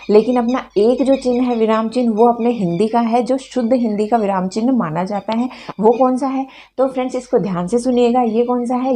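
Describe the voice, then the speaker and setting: A woman teacher, her voice a little high and mellow. She drills exam points by asking questions and answering them herself. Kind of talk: exam-prep grammar lesson.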